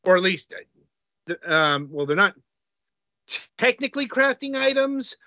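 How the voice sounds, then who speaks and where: A man co-hosting a casual game-review podcast, talking haltingly with many fillers. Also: high-pitched, very animated, pushed and bright, no echo, dull audio. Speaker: podcast co-host reviewing games.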